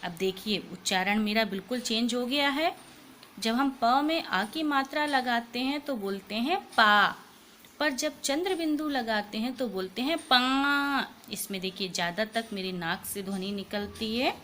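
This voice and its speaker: A woman teaching a Hindi lesson to children, explaining slowly and patiently and repeating each sound. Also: a little high, fairly bright tone, a little hiss or hum.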